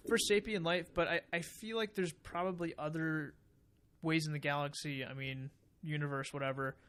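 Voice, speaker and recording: A man's voice: on the high side, steady tone, moderate pace, fairly bright tone, clear, resonant tone. A man co-hosting a casual podcast, speculating at length and explaining his ideas with fillers. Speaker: podcast co-host. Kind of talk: casual chat.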